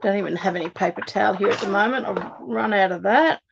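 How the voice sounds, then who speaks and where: This Australian woman talks fast in a medium-pitched, gravelly voice that's a little worn from slightly losing it. She's hosting a casual live card-making demonstration, chatting and thinking aloud for viewers. The sound is lo-fi, with a noisy background.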